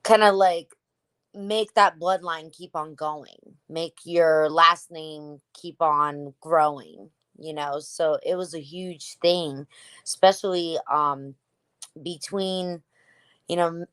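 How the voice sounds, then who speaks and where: Young woman from Ukraine, podcast guest, slow relaxed delivery, dry close sound. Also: deep voice, clean tone, no echo. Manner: relaxed, unhurried storytelling with fillers. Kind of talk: casual interview chat.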